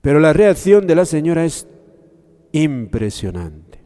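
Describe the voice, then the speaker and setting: A man delivers a slow, reflective Gospel commentary in a sermon style. His voice is dark and mellow, and it sits in a room with a long, ringing reverb. He pauses often and turns to speak straight to his listeners. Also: a little high, sing-song. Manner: addresses listeners directly.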